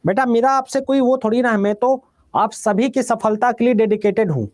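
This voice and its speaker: A man with a Bihari Hindi accent teaching a geography class, repeating each item slowly for students to write down and calling them "beta". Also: very high-pitched, darkish tone, no room sound, clean studio sound.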